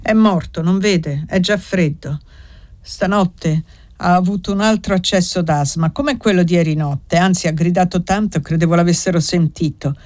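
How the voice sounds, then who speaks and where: A woman's voice: lowish voice, moderate pace, dry recording, studio quality, lightly acted. Woman voicing a guarded, controlled servant woman. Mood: curt. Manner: flat, controlled, curt.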